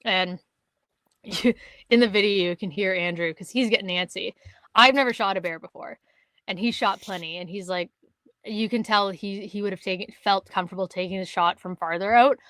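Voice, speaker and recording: A woman from Canada co-hosting a podcast, telling a hunting story in casual chat, animated and swearing, acting out other people's words. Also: mid-range voice, normal speed, no room sound. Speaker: podcast co-host.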